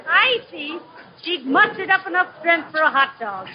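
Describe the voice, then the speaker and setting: A dry-witted teasing wife. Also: female voice, very high voice, animated, normal speed, muffled recording. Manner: dry teasing quips and corrections. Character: wry wife teasing her bragging husband. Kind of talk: 1930s radio comedy acting. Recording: very noisy 1930s radio broadcast.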